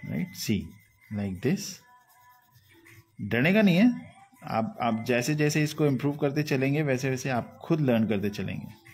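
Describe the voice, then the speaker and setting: A man's voice: mid-range voice, moderate pace, darkish tone. A man teaching a live online drawing lesson, who explains patiently, repeats his phrases and keeps asking viewers "right?", with faint music in the background.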